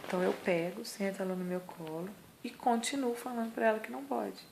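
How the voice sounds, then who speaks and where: A Brazilian mother talks straight to camera with earnest emphasis, sharing how she sets limits for her child. Her voice has a gravelly edge at a mid pitch. A faint hiss of background noise sits under the recording. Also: fairly even intonation, a little fast. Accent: Brazilian Portuguese. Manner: earnest, emphatic, acts out scolding lines. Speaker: mother giving parenting advice. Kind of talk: casual advice vlog.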